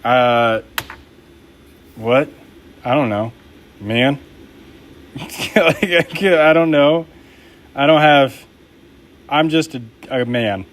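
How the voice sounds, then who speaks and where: A man's voice: medium pitch, very slow, pauses often, fairly bright tone. A young man making knives and chatting casually with his live-stream viewers while he works, upbeat and laid-back. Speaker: knife maker live-streaming his work.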